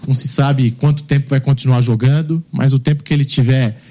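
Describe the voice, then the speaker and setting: A man's voice: mid-range voice, steady tone, a little fast, dark tone. A man, a football panelist recounting scenes reflectively. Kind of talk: sports panel commentary.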